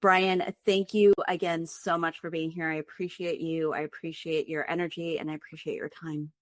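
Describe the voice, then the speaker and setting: A woman hosting a wellness podcast interview, appreciative and smoothly guiding the talk. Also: low-pitched, little pitch movement, moderate pace, no room sound. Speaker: podcast host.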